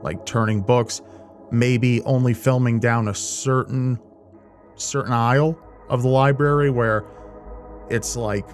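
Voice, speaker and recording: A horror video creator hosts a video of casual reaction commentary, full of rambling, informal asides. His medium-pitched voice is fairly even in intonation and slow-paced, with music in the background.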